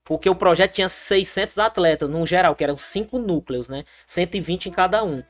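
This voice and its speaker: Young Brazilian soldier guest, lively storyteller who restarts often. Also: male voice, sits high, a little fast. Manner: animated storytelling, many fillers and restarts. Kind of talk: casual interview.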